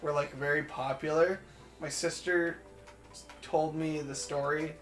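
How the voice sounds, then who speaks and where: A young man chats casually while commentating a game, wandering through childhood stories with plenty of "like" and "um." His voice sits a little high. Faint music plays beneath. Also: steady tone, a little slow, a bit bright, echoey room. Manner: rambling storyteller with many fillers. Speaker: let's play co-host. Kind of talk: casual gaming commentary chat.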